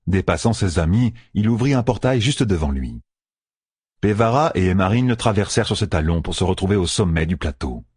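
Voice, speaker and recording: A man narrating an audiobook with expressive storytelling. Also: sits low, brisk, husky, dry recording, studio quality. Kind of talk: scripted narration.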